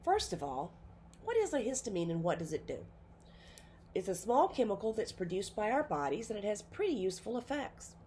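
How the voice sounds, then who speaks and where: Very animated and brisk, a nursing instructor with a cold races through an informal pharmacology lecture, full of fillers and self-corrections. Her mid-range voice is mellow, and the recorded classroom audio carries a little hiss or hum.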